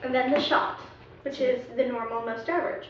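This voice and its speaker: A woman's voice: high-pitched, steady tone, fairly quick, noisy background. A young woman in a casual student video skit, explaining in a chatty, playful way. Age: young adult. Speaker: student presenter. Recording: echoey room, far from a dull mic.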